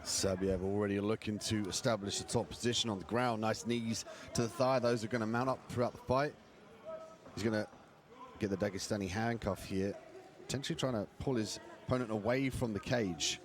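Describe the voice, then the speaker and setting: A man's voice: on the low side, fairly quick. A man giving technical live fight commentary as an analyst.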